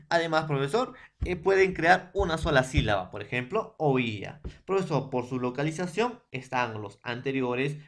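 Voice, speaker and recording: A man teaching a recorded school lesson in a Peruvian Spanish accent, his voice sitting at an ordinary middle pitch. He walks through each point step by step, constantly dropping in habitual filler words as he goes. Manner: repeats "profesor" and "jóvenes" as fillers, explains step by step.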